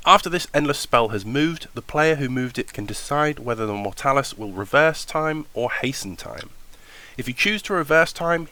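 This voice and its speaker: Guy, stuffy nasal cold voice, bright upbeat tactics voiceover. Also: medium pitch. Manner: upbeat, enthusiastic. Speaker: wargaming channel host.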